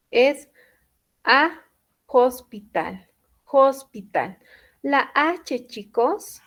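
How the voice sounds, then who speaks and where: A woman gives a classroom lesson at a slow, careful pace. Her voice sits slightly high, and she repeats each point patiently, checking often that her students are following. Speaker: English teacher.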